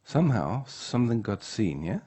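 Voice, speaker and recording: A man giving an unhurried spiritual teaching talk at a retreat. He often checks in with the room by asking "yeah?". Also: fairly low pitch, big pitch swings, mellow, husky.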